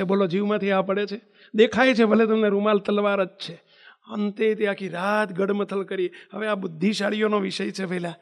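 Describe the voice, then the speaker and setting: A male preacher, giving a devotional sermon and telling a story, full of emphatic rhetorical questions and pleading repetition. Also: very high-pitched. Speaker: religious preacher.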